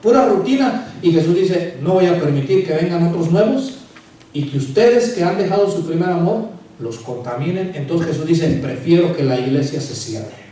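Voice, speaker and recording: A man's voice: a little high, animated, normal speed, mellow, a little hiss or hum. A male pastor preaching a sermon, calling the congregation brother and sisters and acting out quotes from a couple. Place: church sanctuary. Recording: echoey room, voice from far off.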